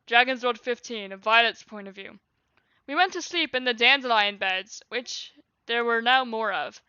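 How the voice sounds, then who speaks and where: A woman's voice: a little high, normal speed, sharp tone, smooth, no room sound, muffled recording. A young woman in her late teens, a streamer, reading her childhood journal aloud with laughing casual asides.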